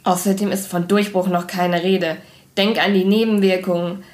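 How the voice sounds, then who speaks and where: A cold, strict woman scientist in a storybook who hisses and snaps her words slowly, as a woman reads her aloud. Her tone is sharp and commanding. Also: fairly low pitch, level tone, close to an everyday voice. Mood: scolding. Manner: hissing, clipped, slow.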